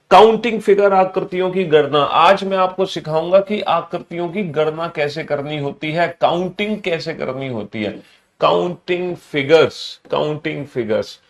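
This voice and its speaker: A man teaching a live online class, energetic, repeating his phrases and mixing Hindi with English terms. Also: sits high. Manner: energetic, repeats phrases in sing-song greetings.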